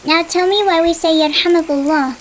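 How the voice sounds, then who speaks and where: A woman's voice: very high-pitched, fairly even intonation, brisk, slight background noise, rough recording. A woman voicing a curious young boy in a dubbed cartoon, who keeps asking why. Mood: curious, questioning. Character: curious inquisitive young boy, Abdul Bari.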